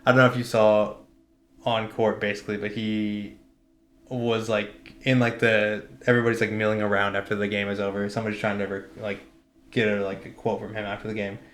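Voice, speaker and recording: A man's voice: on the low side, flat delivery, fairly quick, fairly bright tone, slight background noise. A young man co-hosting a podcast, chatting casually about sports in a rambling way full of filler words. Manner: rambling, many "like" fillers, laughs often. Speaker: podcast co-host. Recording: echoey room.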